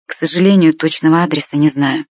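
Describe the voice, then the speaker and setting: A polite middle-aged man apologizes and explains plainly, as a woman reads his lines. The voice is lowish and husky. The recording sounds dull and dry. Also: fairly even intonation, fast talker, darkish tone, no room sound. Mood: apologetic. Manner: apologetic, matter-of-fact.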